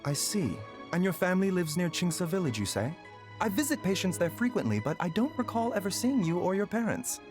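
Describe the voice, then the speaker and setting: A man voicing a courteous, composed young doctor in an anime game, soft and light in voice, with polite, measured phrasing. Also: high voice, sing-song, over music. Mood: calmly curious.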